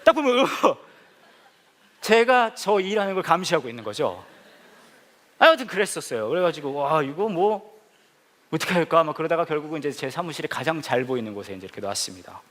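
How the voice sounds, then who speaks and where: Male pastor, slightly high voice with swinging pitch; light, joking sermon storytelling. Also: a little fast. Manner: joking, self-mocking, lively storyteller. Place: church service before a congregation.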